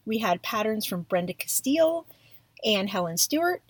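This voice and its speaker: A woman's voice: medium pitch, very animated, moderate pace, slightly rough, dry recording, distant mic. Effusive woman podcaster with mouse clicks behind. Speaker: podcast co-host. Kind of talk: casual podcast talk, reading out a list. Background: computer mouse clicks.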